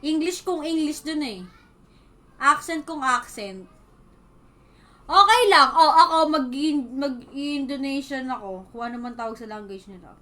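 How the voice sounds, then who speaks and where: Hosting a relaxed livestream, this woman from the Philippines speaks with a Filipino accent, reading out comments from viewers and answering each one in a chatty way. She talks at a normal speed in a high-pitched, fairly bright voice.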